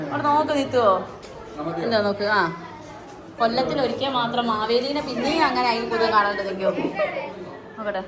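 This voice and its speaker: A young mother, chatting casually to viewers in a family vlog. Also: a little high. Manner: chatty, fast, addresses viewers directly. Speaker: family vlogger.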